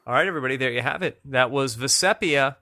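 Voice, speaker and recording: Bright-voiced joking male podcast host. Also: medium pitch, quick pace. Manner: laughs often, loose and joking. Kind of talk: casual podcast chat.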